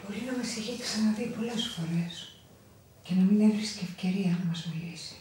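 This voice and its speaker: A woman performing a dramatic audio monologue, swinging between hushed brooding, shrill scolding and soft cooing. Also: recorded from a distance, a little hiss or hum. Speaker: narrator and lead performer. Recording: echoey room, from afar.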